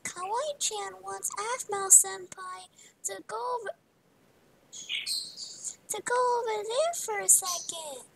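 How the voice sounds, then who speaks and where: A woman's voice: very high voice, slow, creaky, pauses often, fairly bright tone, voice pushed up, exaggerated voice. A woman doing an impression of a cutesy girly anime fangirl who talks about herself in the third person, over a noisy home recording. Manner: sing-song, refers to herself in third person.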